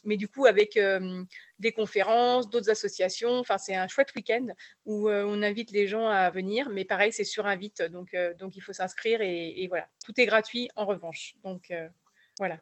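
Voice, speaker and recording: A woman, an animal sanctuary co-founder, answering interview questions in a halting, hesitant way with many pauses. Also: mid-range voice, steady tone, no echo. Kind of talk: casual radio interview answers.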